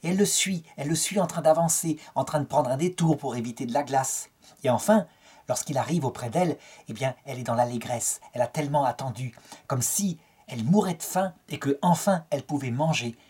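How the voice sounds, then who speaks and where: Very smooth-voiced French man lecturing. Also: mid-range voice, brisk, darkish tone. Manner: storytelling, quotes dialogue with lifted tone. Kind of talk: spoken lecture on a saint's life.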